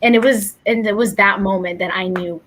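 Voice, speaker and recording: A woman's voice: mid-range voice, fairly even intonation, a little fast, a bit bright. Earnest young woman from Ethiopia. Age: young adult. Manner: earnest, thoughtful, reflective. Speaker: guest, incoming college student. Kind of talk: interview answers.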